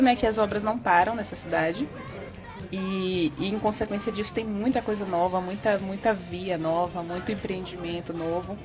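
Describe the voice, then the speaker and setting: A woman with a Bahian Brazilian accent co-hosting a podcast in a casual, conversational style. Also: mid-range voice. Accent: Bahian Brazilian Portuguese. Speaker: podcast co-host. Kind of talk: casual chatty podcast presenting. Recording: loud background music under the voice. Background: background music.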